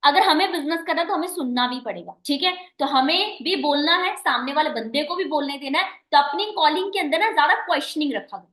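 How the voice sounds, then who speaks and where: Brief: female team manager leading a training call; bright, forceful delivery, roomy sound. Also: high voice, brisk, few pauses. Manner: coaching, repeats "ठीक है" and "है ना" often; addresses listeners as dear and guys. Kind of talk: recorded training meeting. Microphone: online meeting recording.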